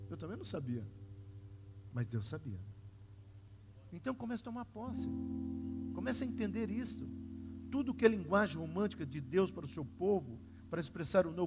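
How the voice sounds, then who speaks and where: Male Brazilian pastor, high voice, lively sermon delivery with guitar underneath. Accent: Brazilian Portuguese. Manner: animated, swinging from soft to loud, acting out quotes. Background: guitar music.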